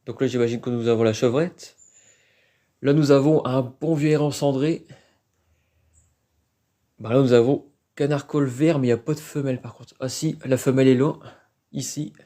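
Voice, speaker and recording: A man talks casually into a handheld phone as he explores outdoors. His voice is dark and mellow, and he thinks aloud with frequent hesitations. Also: mid-range voice, steady tone, moderate pace, pauses often. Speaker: urban explorer live-streaming. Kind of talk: live-stream exploration commentary. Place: outdoors at an abandoned industrial site.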